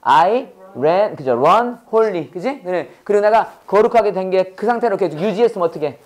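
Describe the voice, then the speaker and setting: A man's voice: high-pitched, animated, moderate pace, a little mellow. A man teaching an English lesson to a class, drilling students with constant questions and exaggerated pronunciation. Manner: drills students with repeated call-and-response questions.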